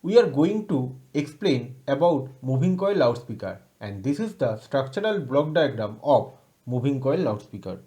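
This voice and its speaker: A very animated man with a mid-range, dark-toned voice speaks at normal speed, his Indian accent clear. He's presenting a scripted electronics lesson, formal and recited in textbook manner for an educational presentation.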